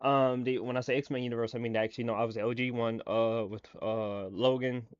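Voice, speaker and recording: A man's voice: mid-range voice, steady tone, brisk, clear, resonant tone, dry recording, highs cut off. A man giving casual reaction commentary as a streamer, rambling with lots of fillers, restarts and swearing.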